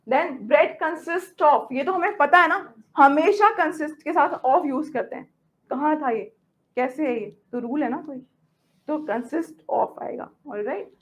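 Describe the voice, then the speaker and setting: A woman's voice: sits high, takes it slowly. A woman teaching English grammar, mixing Hindi and English and checking in with "okay?" after each example. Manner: explains by example sentences, often asks "okay?".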